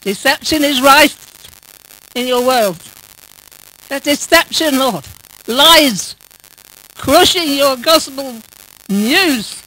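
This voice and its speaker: Fervent older woman praying, slow and high-pitched. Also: expressive, bright, forceful tone, rough recording. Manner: fervent, zealous, emphatic repetition. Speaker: prayer intercessor. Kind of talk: spoken public prayer. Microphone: handheld microphone.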